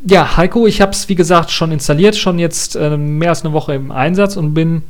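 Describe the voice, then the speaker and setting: A man's voice: on the high side, normal speed. A man giving a casual spoken review of an operating system release, thinking aloud with many hesitations and restarts. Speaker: tech reviewer.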